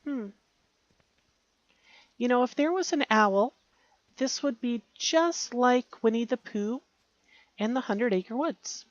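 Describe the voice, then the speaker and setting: A woman's voice: fairly high pitch, expressive, slow pace, long pauses, no room sound, highs cut off. A woman giving casual, rambling commentary while playing a video game, musing aloud and correcting herself. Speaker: gaming youtuber.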